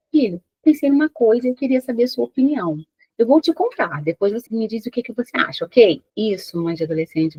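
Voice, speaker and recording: Husky Brazilian woman giving parenting advice. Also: mid-range voice, no room sound, dull audio. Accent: Brazilian Portuguese. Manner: explanatory, addresses the mother directly with rhetorical questions. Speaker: parenting educator. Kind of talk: direct-to-camera advice talk.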